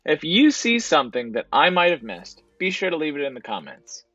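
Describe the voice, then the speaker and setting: A man's voice: a little high, wildly swooping pitch, fairly quick, pushed and bright, dry recording, dull audio, faint music behind. A man narrating his thrift store trip as a voice-over for his reselling vlog, in a casual, explanatory way. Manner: casual, explanatory, repeats "to be honest".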